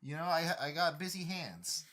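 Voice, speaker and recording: A man's voice: fairly high pitch, big pitch swings, normal speed, pushed and bright. A young man co-hosting a casual chat among friends, rambling, self-mocking and laughing often. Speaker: podcast co-host.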